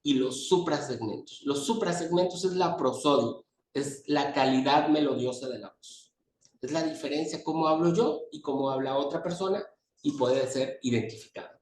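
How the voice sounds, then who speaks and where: A man's voice: medium pitch, normal speed, darkish tone. A man giving a medical lecture at a pediatrics conference, explaining terms step by step and pointing at his slides. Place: conference hall. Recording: echoey hall, distant mic, faint noise.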